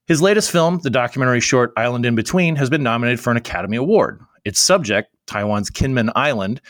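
A man hosting a political podcast, introducing and then interviewing a guest in a halting, filler-heavy conversational way. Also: mid-range voice, no echo, clean studio sound. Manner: halting, many fillers and restarts. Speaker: podcast host.

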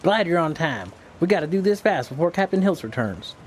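An actor playing a friendly police officer in a hurry, with a chummy manner. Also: male voice, on the high side, big pitch swings, a little hiss or hum. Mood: hurried. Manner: hurried, chummy. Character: eager male police officer, hurried and friendly. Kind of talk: audio drama acting.

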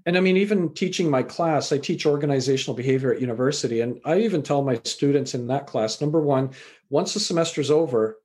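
A middle-aged Canadian author and university lecturer answers interview questions quickly in a mid-range, darkish voice. He's reflective and tells stories, with frequent fillers.

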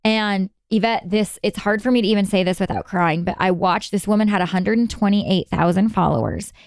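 An earnest woman guest telling a story in an interview, her voice smooth and resonant. The sound is close and dry, with no room around it. She speeds up in bursts as she talks. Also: medium pitch, fairly quick, no echo. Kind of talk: conversational interview.

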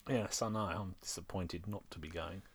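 A man's voice: low-pitched, fairly even intonation, normal speed, breathy edge. A man chatting casually as a podcast co-host.

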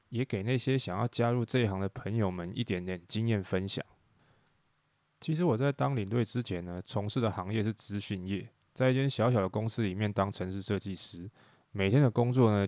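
Fast-talking low-voiced man telling stories. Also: darkish tone, dry recording. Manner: chatty, wry storytelling with quoted dialogue. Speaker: podcast host, tour leader. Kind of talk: solo storytelling podcast.

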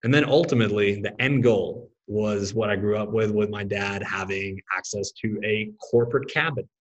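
A man's voice: fairly low pitch, normal speed, muffled recording. A man from Norway, a startup founder, talking earnestly and enthusiastically in a podcast interview.

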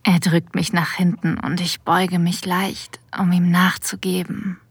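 In this erotic audio drama, a woman plays a confident, sensual boss secretly having an affair, narrating in first person from a script, ASMR style, with a breathy whisper. Her pitch is fairly low with little movement, and her delivery slow, deliberate and intimate, with an aroused mood. The recording is dry, made on a close studio mic.

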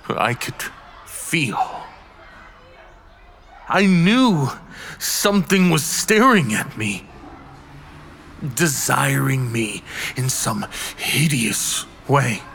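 Man playing a haunted recluse, slow hushed delivery, brooding, faint hiss. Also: mid-range voice. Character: haunted reclusive man, sensitive artist, confessing. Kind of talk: horror story reading.

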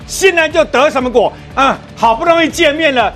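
A man with a Taiwanese accent commenting on politics on a talk show, animated and scolding, firing rhetorical questions. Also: very high voice, fairly quick, soft background music.

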